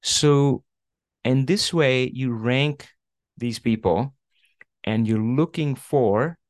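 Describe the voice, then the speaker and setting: A career coach speaks slowly in a mid-range voice while advising a student on job searching via video call. He's casual, leans on fillers, and keeps asking "right?" in this online coaching session. The audio is clean studio sound with no room noise.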